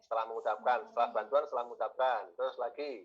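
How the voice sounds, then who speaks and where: A man's voice: mid-range voice, fairly even intonation, very fast, lo-fi sound. A man teaching a university class, repeating key words and asking his students questions. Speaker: university lecturer. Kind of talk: classroom lecture.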